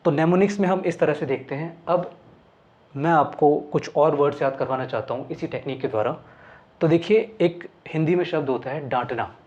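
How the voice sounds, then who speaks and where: Male teacher explaining vocab mnemonics, a bit high voice, step by step, kinda muffled lo-fi audio. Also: moderate pace, darkish tone. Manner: explains step by step, asks and answers his own questions. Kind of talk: Hindi lesson explaining mnemonics. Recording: dull lo-fi sound.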